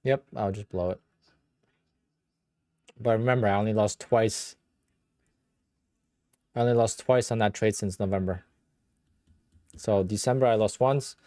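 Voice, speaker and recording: This livestream host is a Polish man, a native Polish speaker with a Polish accent, who answers viewers' questions bluntly and offhandedly in a casual setting. His low, dark voice is unhurried and fairly even in intonation, with long pauses, captured in a dry, clean studio recording.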